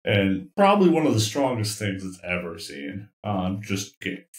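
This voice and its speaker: Low-voiced man running a tabletop game. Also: sing-song, moderate pace, reverberant. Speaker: game master.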